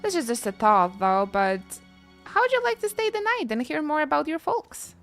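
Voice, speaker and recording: A woman reading out the lines of a kindly villager from a game, in a gentle, read-aloud way. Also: sits high, sing-song, normal speed, faint music behind, pitched above the performer's own voice, full character voice.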